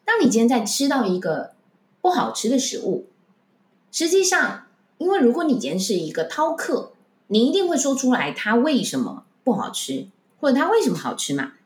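Woman, speech coach; lively up-and-down delivery, rhetorical questions, recorded in an echoey room. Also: on the high side, moderate pace. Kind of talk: podcast talk giving speaking tips.

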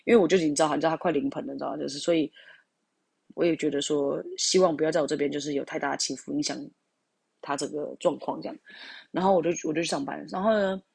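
A woman's voice: deep voice, fairly even intonation, rapid-fire, gravelly, darkish tone, breathy edge, no echo. A woman telling a personal story in a casual, rambling way, full of fillers and asides to her listeners.

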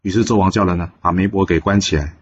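A man narrating a traditional tale in a lively storytelling manner, switching voices for each character. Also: deep voice, quick pace, husky. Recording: dull lo-fi recording with faint background noise.

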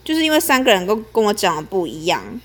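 A woman's voice: medium pitch, huge pitch swings, fast talker. A young woman, telling a story as a podcast host in a chatty, aggrieved way.

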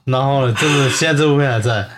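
A man's voice: medium pitch, fast talker, a bit bright. A man, co-hosting a podcast and reacting to the story with short, indignant remarks. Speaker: podcast co-host. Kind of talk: casual chat.

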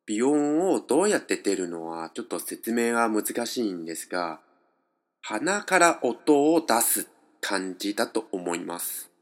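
A man's voice: on the low side, sing-song, unhurried. A man teaching pronunciation step by step in a patient lesson, moving between two languages as he explains.

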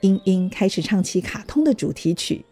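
A woman reading a children's story aloud in a gentle, even manner. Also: medium pitch, moderate pace, faint music behind. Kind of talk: scripted storybook narration.

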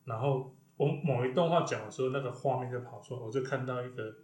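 A man, a diviner hosting a podcast, telling a story in an animated, casual way. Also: mid-range voice, fast, roomy sound. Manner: animated, lively retelling with quoted exclamations.

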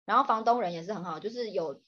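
A woman's voice: mid-range voice, fast talker, sharp tone, dull audio. A woman with a Taiwanese Mandarin accent chatting casually and candidly, with a grumbling conversational manner. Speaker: podcast co-host. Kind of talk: casual chat.

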